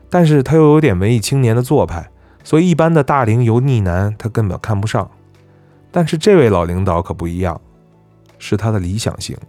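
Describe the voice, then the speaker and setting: A man narrating a story in a calm, conversational reading voice. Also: on the low side, no room sound.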